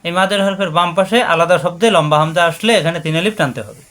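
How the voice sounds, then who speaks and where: A man leads a word-by-word tajweed lesson in a notably high voice. He patiently repeats each syllable and stretches recited words into slow chant. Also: a bit bright. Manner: patient, repetitive drilling of syllables, slows and sings out recitation. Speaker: Quran recitation teacher.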